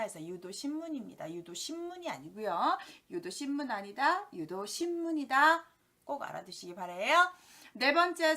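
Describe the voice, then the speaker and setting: Lively, high-pitched woman teaching idioms. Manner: drawn-out, deliberate reading of character meanings. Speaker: teacher of Chinese-character idioms. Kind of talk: educational explanation.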